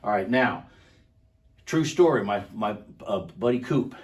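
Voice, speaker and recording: A man's voice: on the low side, animated, measured pace, far from the mic. An older man co-hosting a show, animatedly telling a self-defense story and demonstrating moves, laughing often. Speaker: co-host, karate instructor.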